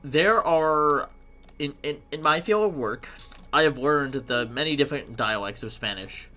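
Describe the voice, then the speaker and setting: A woman streaming a game with friends, loud and swearing freely in casual chat. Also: low voice, measured pace.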